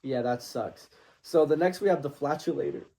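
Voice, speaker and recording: Teasing young man with a dark voice. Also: normal speed, gravelly. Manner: teasing, pitches silly superhero ideas. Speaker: podcast co-host. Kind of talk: casual comedic chat.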